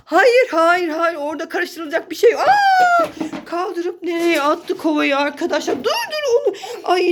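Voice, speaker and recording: A woman's voice: extremely high pitch, a bit bright. Family vlogger mom, playful and exclamatory, mock-scolding, with a faint hiss behind her. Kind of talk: playful family vlog commentary. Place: child's bedroom at home.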